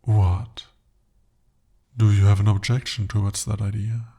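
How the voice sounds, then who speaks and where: Young man as a possessive bound demon for ASMR: low, breathy, slow, dark and intimate. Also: flat delivery. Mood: possessive, insistent. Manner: intimate, soft-spoken, slow and deliberate. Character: jealous, possessive male demon bound to a sorcerer. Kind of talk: ASMR roleplay.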